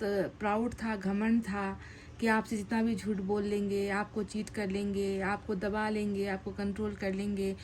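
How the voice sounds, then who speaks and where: A woman giving a casual tarot card reading, animated and repeating phrases for emphasis. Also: mid-range voice, a little hiss or hum.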